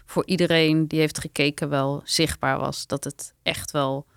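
A woman's voice: low-pitched, flat delivery, measured pace, gravelly, clear, resonant tone, dry recording, clean studio sound. A woman chatting as a guest about her time as a contestant, agreeing often with short yeses. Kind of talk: casual chat.

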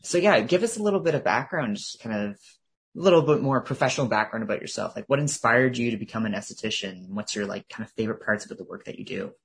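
Canadian guy cohosting a podcast, talks really fast, kinda husky, chatty interview questions. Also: lowish voice, expressive. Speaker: podcast co-host. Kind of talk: conversational interviewing.

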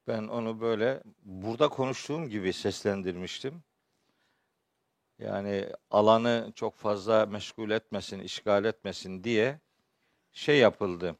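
A man giving a religious lecture as a teacher, his voice hoarse and strained, phrasing deliberately with pauses. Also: lowish voice, no echo. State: hoarse from shouting the day before, clearing his throat often. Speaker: Quran teacher and preacher. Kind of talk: spoken religious lecture with verse commentary.

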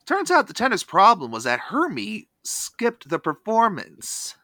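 Bright-voiced, animated man recapping a film. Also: high voice, measured pace, dry recording, studio quality. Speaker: review show host. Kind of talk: scripted recap narration with asides.

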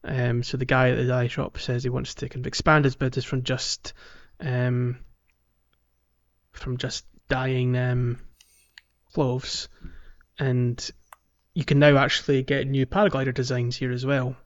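A man co-hosts a casual gaming podcast, his medium-pitched voice flat and a little slow. He's chatty and quick to laugh, with plenty of ums and restarts, and the lo-fi podcast audio sounds dull.

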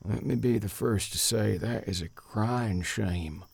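A man voicing Maddox, a sly, easygoing young male drifter, in a raspy, gravelly voice. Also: on the low side, measured pace, voice pushed up, full character voice. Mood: wry.

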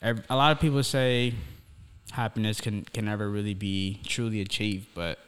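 A young Somali man co-hosts a podcast, talking casually and reflectively in an earnest, philosophical way, often repeating words while he hunts for the next one. His lowish voice is steady, clear, resonant and a bit bright, at a moderate pace, with echoey hall-like reverb around it.

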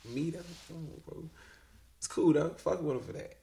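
A man's voice: fairly high pitch, moderate pace, creaky, warm tone. A man around thirty chatting casually and bluntly as a podcast guest, in slangy, profane, bro-like talk. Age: about 30.

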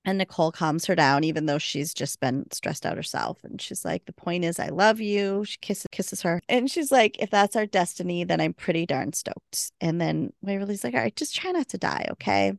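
A woman co-hosting a podcast, casually recapping a TV episode and acting out the characters' lines with big jumps in pitch. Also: moderate pace, creaky, hardly any pauses, no room sound, studio quality.

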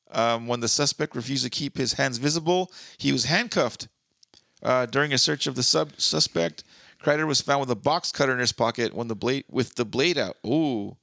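A man's voice: mid-range voice, creaky, bright, forceful tone, dry recording. A man co-hosting a podcast in casual chat, crude and laughing often, reading news stories aloud. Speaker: podcast co-host.

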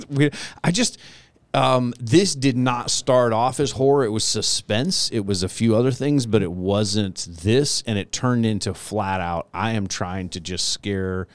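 Easygoing podcast co-host with a lower voice. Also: male voice, slow, no room sound. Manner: easygoing, laughs often, denies with dry humor. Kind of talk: casual chat.

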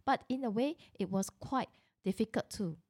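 Middle-aged woman, real estate agent; earnest storytelling monologue, soft warm tone, dry close recording. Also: a little high, normal speed, breathy edge, dry recording. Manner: earnest, frequent restarts and self-corrections.

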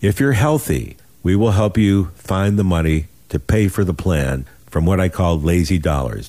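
Low-voiced older man pitching on financial radio. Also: darkish tone, no echo. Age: 60s. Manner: urgent, folksy, emphatic, repeats himself. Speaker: financial radio show host. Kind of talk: radio sales pitch talk.

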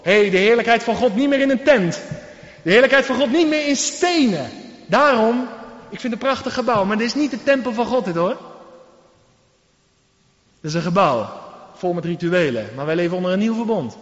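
A man's voice: high voice, lively intonation, moderate pace, pauses often. A man preaching a sermon from the pulpit in a church, emphatic and full of rhetorical questions. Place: church hall. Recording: echoey church hall, dull sound.

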